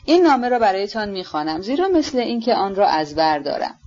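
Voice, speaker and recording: A woman voicing a soft-spoken earnest young nobleman, shy and sincere, audiobook, kinda muffled. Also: medium pitch, very animated. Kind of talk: audiobook reading.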